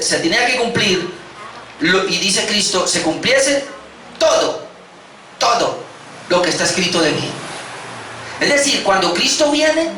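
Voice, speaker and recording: A man's voice: sits high, pushed and bright, slight background noise. A man with a Colombian accent preaching a sermon as pastor, emphatic and repeating key words, calling his listeners brothers. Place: church hall. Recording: echoey church hall, mic from a distance.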